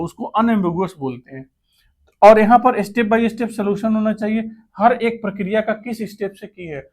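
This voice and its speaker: A man teaching computer basics, reading out quiz options, then asking and answering himself, with English terms mixed into his Hindi. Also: high voice. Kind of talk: explaining quiz questions step by step.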